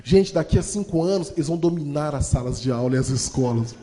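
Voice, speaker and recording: Man, high voice, fast animated storytelling, long hall reverb. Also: a little hiss or hum. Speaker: motivational storyteller. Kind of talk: humorous storytelling talk.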